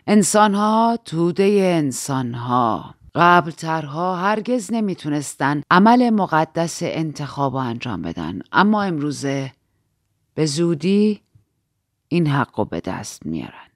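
A woman voicing a sly, scheming male count who speaks slowly with a smile. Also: deep voice, very animated, dry recording, clean studio sound. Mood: smug calm. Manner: slow, smiling, teasing.

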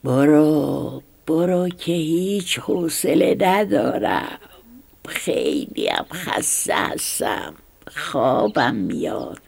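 A woman's voice: sits low, creaky, a bit bright, slightly rough, exaggerated voice. Woman whispering as a lazy bully snake. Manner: drowsy, slow and threatening. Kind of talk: whispered role-play.

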